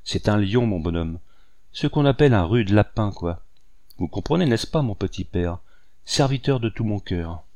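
A man voicing a rude, surly old army sergeant in a storybook reading, with a low voice. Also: animated, moderate pace, darkish tone. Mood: gruff. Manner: surly, blunt.

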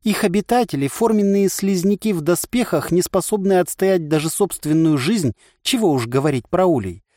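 A man's voice: high-pitched, animated, normal speed, darkish tone, dry recording, clean studio sound, voice pushed up. A man voicing a cheerful, insane male voice inside the hero's head that chirpily recites adverts in an audiobook. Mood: reciting ad.

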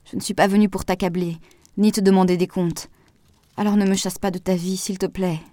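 A woman's voice: medium pitch, level tone, a little fast, warm tone, no echo, natural voice. A woman voicing an insecure, hopeful young woman in an audiobook, pleading and a little raised. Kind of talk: audiobook dialogue reading.

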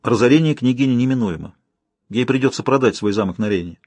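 A timid older woman, voiced by a male audiobook reader, speaks quietly and hesitantly. The tone is soft and husky, close to the reader's own voice. The recording is dry. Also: mid-range voice, fast talker, no echo, lightly acted. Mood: subdued. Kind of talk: audiobook character voice.

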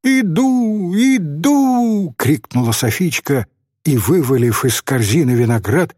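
A man narrating a story in an expressive, gently ironic way. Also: mid-range voice, moderate pace, husky, no room sound, clean studio sound. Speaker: audiobook narrator.

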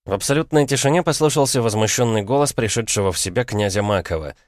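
A man narrating a fantasy audiobook in a steady, even reading. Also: lowish voice, fast, dry recording, studio quality. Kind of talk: scripted fiction narration.

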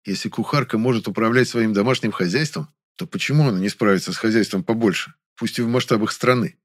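A man reading first-person narration for an audiobook in an even, measured way. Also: lowish voice, dry recording, clean studio sound.

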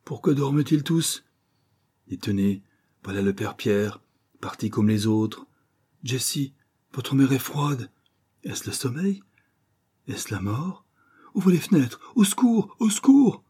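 A man voicing a middle-aged father who shouts in alarm. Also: lowish voice, monotone, unhurried, husky.

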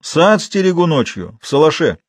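A man voicing a gloomy, superstitious old village night watchman who talks slowly in rustic speech. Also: fairly high pitch, very animated, husky, dry recording, clean studio sound, voice pushed up. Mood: gruff, mysterious. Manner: slow, dialect-heavy, mysterious.

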